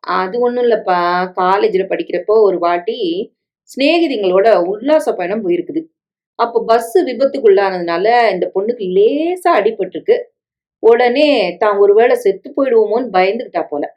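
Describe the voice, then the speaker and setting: A woman's voice: mid-range voice, lively intonation, moderate pace, dull audio, lightly acted. A woman voicing a scheming middle-aged stepmother who coaxes, pleads and guilt-trips, in a story reading with dialogue. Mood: persuasive. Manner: coaxing, pleading, guilt-tripping.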